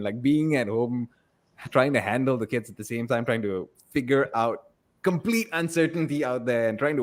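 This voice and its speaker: A man hosting a live podcast conversation, thoughtful and hesitant, with frequent fillers and soft laughs. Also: mid-range voice. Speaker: podcast host. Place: room with guests.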